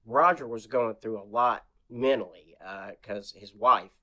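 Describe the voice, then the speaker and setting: A man's voice: mid-range voice, a little slow, muffled recording. A man being interviewed on a podcast, rambling as he retells a memory and acting out what people said in a raised voice. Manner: animated retelling, acts out quotes in a raised voice; rambling, many restarts and fillers. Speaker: interview guest. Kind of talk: casual storytelling.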